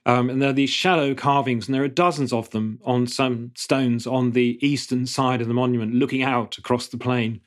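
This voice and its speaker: A man's voice: mid-range voice, fairly even intonation. Thoughtful man explaining archaeology. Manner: thoughtful, halting restarts then fluent explanation. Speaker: archaeologist guest. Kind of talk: explanatory interview answers.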